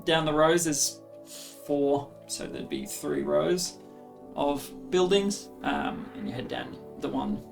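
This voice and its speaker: A man narrating as game master in a loose, improvised way, pausing mid-sentence to find his words. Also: fairly high pitch, fairly even intonation, gravelly, soft background music.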